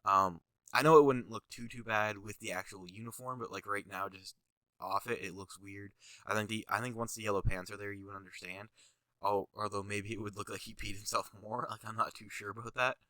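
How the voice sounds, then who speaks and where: This young man's pitch sits fairly low, and he speaks a little fast with fairly even intonation and a sharp tone. Stuffy-nosed, sniffling and tired, he rambles casually with plenty of fillers while commenting on images of jerseys he designed. The recording is dry.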